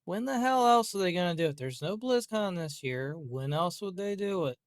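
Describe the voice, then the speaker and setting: A man's voice: high voice, expressive, moderate pace, no echo, clean studio sound. A man delivering an unscripted, exasperated gaming rant, grumbling and swearing, with emphatic repetition and rhetorical questions. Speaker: gaming commentator. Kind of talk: unscripted rant about a video game.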